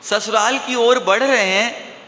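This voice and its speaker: A man delivers a sermon in a high, bright voice. He tells a story at an unhurried, drawn-out pace and keeps posing rhetorical questions that he answers himself. The recording is roomy, with a long hall reverb and a faint hum of ambience behind him. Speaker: preacher.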